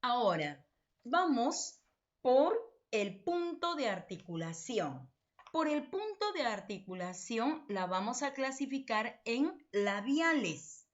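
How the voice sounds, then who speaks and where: A woman's voice: a little high, very animated, takes it slowly. A woman teacher giving a recorded phonology lecture, who keeps asking and answering her own questions and checks in often with her listeners. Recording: dull lo-fi recording.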